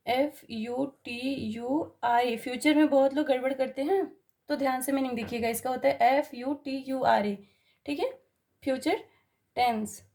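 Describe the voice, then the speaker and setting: Woman teacher, high voice, patient explaining, spells out words. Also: darkish tone. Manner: explains patiently, keeps asking "ठीक है?". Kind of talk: Hindi grammar lesson.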